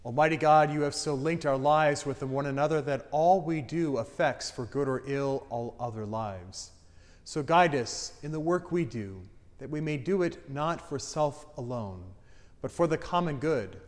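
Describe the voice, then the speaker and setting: A middle-aged priest intones liturgical prayers with solemn, declamatory weight, his loudness rising and falling with the text. His fairly high male voice rings through a reverberant church sanctuary. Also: moderate pace. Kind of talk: chanted and spoken liturgy. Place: church altar, indoors.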